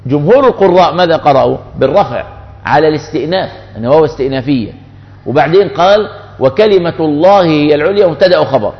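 A man giving a religious lesson on scripture, explaining with rhetorical questions and reciting verses. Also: on the high side. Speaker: religious teacher. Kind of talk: Quranic exegesis lesson. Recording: muffled with long hall reverb.

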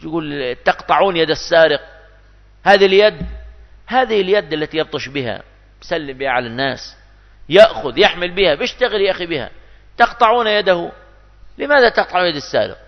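A man's voice: fairly high pitch, fast. Male preacher in a hall. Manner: lively, rhetorical, quoting and acting out imagined speakers. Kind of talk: sermon. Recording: dull echoey hall.

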